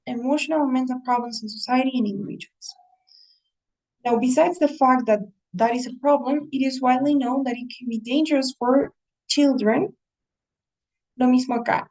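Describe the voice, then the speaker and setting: A woman's voice: sits high, a little mellow, distant mic, rough recording. A woman English teacher giving a writing lesson, explaining patiently and often checking in with her students.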